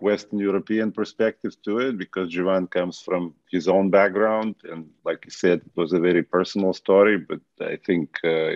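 A film producer answering questions on a video call, thoughtful, repeating words and adding fillers. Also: male voice, deep voice, darkish tone, dry recording. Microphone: webcam on a video call. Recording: dull webcam audio.

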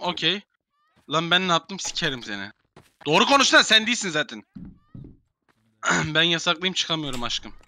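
A man's voice: sits high, pushed and bright. A young man in casual game voice chat, bossily herding players into rooms and swearing. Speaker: gamer streamer.

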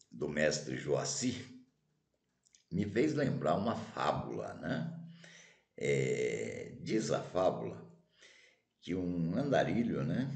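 A man with a gravelly bass voice hosts a checkers channel, chatting casually and telling stories while tacking "né?" onto nearly every phrase. The recording has a roomy echo.

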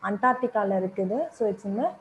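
A woman's voice: mid-range voice, steady tone, unhurried, slight background noise, poor audio. A woman with a Tamil accent teaching an exam revision lesson on current affairs, switching between Tamil and English with frequent fillers and restarts.

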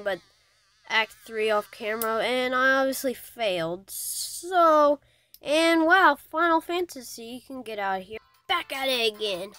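A woman giving casual gaming commentary as a channel host, chatty and excitable and quick to grumble about the game. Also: on the high side, rough recording.

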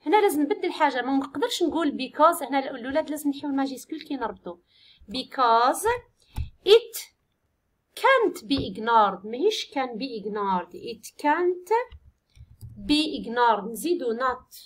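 A woman with an Algerian Arabic accent, an English teacher explaining an exam step by step and reading English sentences slowly and clearly. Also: high-pitched, animated. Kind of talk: exam-prep lesson, mixing Arabic and English.

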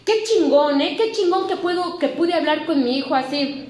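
Middle-aged Mexican woman, high voice, blunt and salty, echoey room. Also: lively intonation, normal speed, a little mellow. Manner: blunt and profane, emotional storytelling. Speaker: psychologist speaking at a recovery clinic. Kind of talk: candid testimony talk to a recovery group. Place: meeting room at a rehab clinic.

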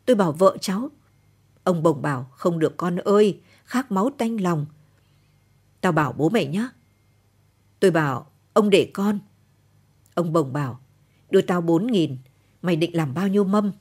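A woman with a Northern Vietnamese accent reading a short story aloud in a calm, even late-night storytelling manner. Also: on the low side, normal speed, pauses often, slightly rough. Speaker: story reader. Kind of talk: scripted narration of a short story.

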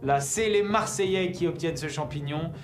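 A man's voice: a little high, moderate pace, reverberant, faint music behind. A man reading scripted narration for a reality show.

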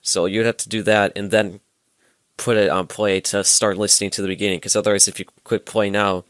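A young adult man with a fairly low, level voice talks briskly, his tone fairly bright and free of room sound. He presents a gadget tutorial from a small room at home, demonstrating hands-on and explaining casually, step by step, into a headset microphone.

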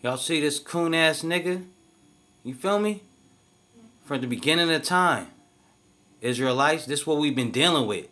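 A man's voice: fairly high pitch, animated, measured pace, long pauses, sharp tone. A man giving casual, slangy video commentary in an emphatic way, often asking "you feel me".

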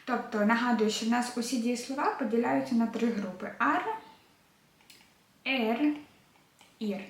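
A young woman with a slightly high voice teaches a beginners' lesson. She says each verb ending slowly and repeats it for practice. Her voice carries a noticeable room echo. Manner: clear, repeats forms slowly for drilling. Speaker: Spanish teacher. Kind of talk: language lesson.

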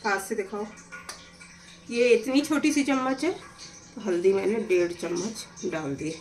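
A woman's voice: mid-range voice, unhurried, darkish tone, recorded from a distance, faint music behind. A woman chatting casually as she demonstrates a recipe at home, explaining each step as she cooks. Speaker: cooking vlogger. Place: home kitchen. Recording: echoey kitchen, voice from off-mic. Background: clatter of pots and utensils.

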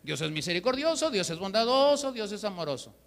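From Mexico, a pastor with a high, bright voice preaches an emphatic sermon, pressing his points with rhetorical questions. His delivery is a little fast, with big swings in pitch, and the long reverb of a church hall rings around him.

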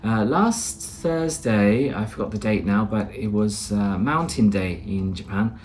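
This British man in his thirties has a lowish, darkish voice and speaks at a measured pace, with slight background noise in a small plain room indoors. He mixes casual vlog chat with voice-over narration, chatty and rambling, full of "uh"s and restarts.

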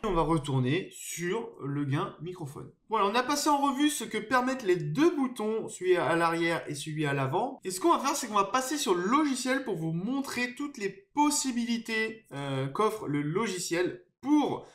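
A man's voice: sits high, very animated, normal speed, few pauses, fairly bright tone. A man giving a casual, explanatory microphone tutorial, hesitant and full of fillers, recorded on a USB desk microphone at home. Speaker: tech YouTuber reviewing a microphone. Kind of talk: casual screen-share tutorial. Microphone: USB desk microphone under test.

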